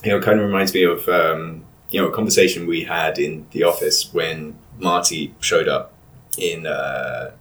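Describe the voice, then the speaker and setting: A man's voice: a bass voice, fairly even intonation, normal speed, fairly bright tone. A man with a Cambridge English accent hosting a podcast, speaking hesitantly with many fillers and chuckles. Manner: hesitant, many ums and you-knows, chuckles. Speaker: podcast host. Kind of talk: casual podcast chat. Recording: echoey room.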